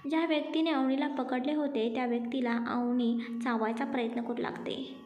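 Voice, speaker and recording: A woman narrating a dramatic audio story in a steady storytelling manner. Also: high-pitched, a little fast. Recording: echoey room with faint music.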